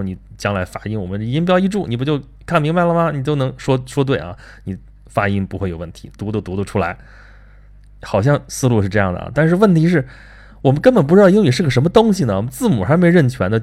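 A man's voice: medium pitch, a little mellow. A man giving a casual lecture-style talk, full of rhetorical questions and filler particles. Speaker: host.

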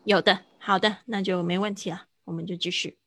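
A woman teaching English vocabulary in Mandarin on a livestream, explaining slowly and repeating words for drill. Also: medium pitch, steady tone, a bit bright, no room sound. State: hiccuping.

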